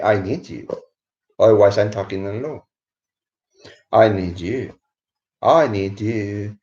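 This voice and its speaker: Slow, low-voiced Spanish-accented English teacher. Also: male voice, mellow. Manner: switches between English and Spanish, keeps asking "¿vale?". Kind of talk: live-streamed book review lesson. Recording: roomy, dull lo-fi stream audio.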